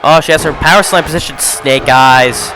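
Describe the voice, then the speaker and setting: A man calling a video game wrestling match play-by-play, often shouting, his voice going hoarse. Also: on the high side, normal speed. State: losing his voice. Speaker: play-by-play commentator. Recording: crowd noise and game sound behind.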